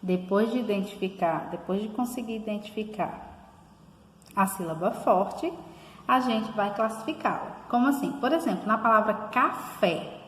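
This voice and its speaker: A woman's voice: mid-range voice, a little hiss or hum. Woman teacher in echoey room. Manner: slows and stresses example words, calling them out. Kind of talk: online recorded lesson. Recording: echoey room with long reverb.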